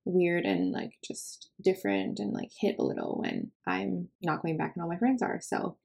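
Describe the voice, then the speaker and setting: Young woman podcast host, talks loose with tons of "like", bit of vocal fry. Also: lowish voice, big pitch swings, normal speed, darkish tone. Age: 20s. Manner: chatty, lots of "like" fillers. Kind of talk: casual podcast chat.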